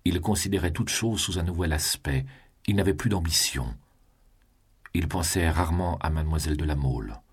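A man narrating a classic novel in a calm, measured reading voice. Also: low-pitched, slightly rough. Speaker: audiobook narrator.

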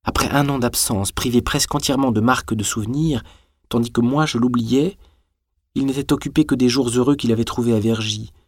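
A man's voice: mid-range voice, fairly even intonation, a little fast, breathy edge, no echo, studio quality, pitched above the performer's own voice, lightly acted. A man reading aloud, voicing a young woman torn between love and shame, with a tearful, pleading delivery. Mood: distressed.

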